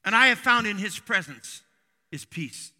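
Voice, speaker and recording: A man's voice: sits high, animated, unhurried, pushed and bright. Man preaching in a reverberant hall. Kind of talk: sermon.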